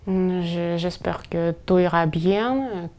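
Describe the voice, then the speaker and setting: Ukrainian woman in her 30s, slow halting answers, gravelly low voice. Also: darkish tone. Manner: halting, many pauses and fillers. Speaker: interpreter guest. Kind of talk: hesitant interview answers in a second language.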